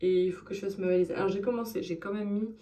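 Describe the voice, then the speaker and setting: A woman's voice: medium pitch, fast talker. Chatty woman in her thirties. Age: 30s. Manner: chatty and expressive, with frequent fillers. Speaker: vlogger. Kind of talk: casual vlog chat.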